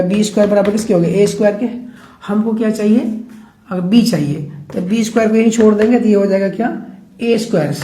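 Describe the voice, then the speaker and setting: A man's voice: high voice, gravelly, warm tone. A man teaching maths at a board, chatty and keeps checking in with his students. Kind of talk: board lesson explaining steps. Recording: echoey room, faint background noise.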